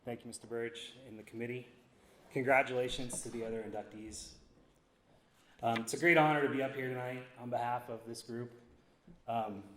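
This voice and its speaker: Man, mid-pitched, hesitant acceptance speaker, echoey room with faint noise. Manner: halting, frequent long ums. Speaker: award honoree giving acceptance speech. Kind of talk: acceptance speech.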